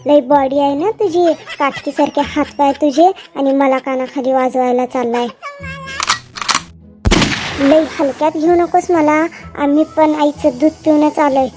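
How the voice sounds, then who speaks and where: A woman's voice: sits high, steady tone, measured pace, loud music behind the voice. A woman doing a whiny village lad begging for a bride. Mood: pleading. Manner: whiny, boastful pleading in rural speech. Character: poor village young man, pleading for a bride. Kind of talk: cartoon comedy voice acting.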